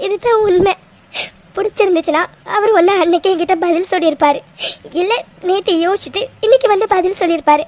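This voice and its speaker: A very high, squeaky voice belongs to a heartbroken young cartoon woman, tearful and full of self-blame, as a woman acts her out. She talks through sobs the whole time, her words wet with crying. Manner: tearful, self-blaming, sobbing. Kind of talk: cartoon voice acting.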